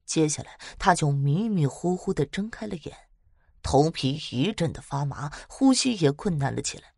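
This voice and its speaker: A woman casually retelling spooky stories in a chatty, lively way, with dramatic swells. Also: low voice, normal speed, vocal fry, husky, no echo, clean studio sound. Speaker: storyteller.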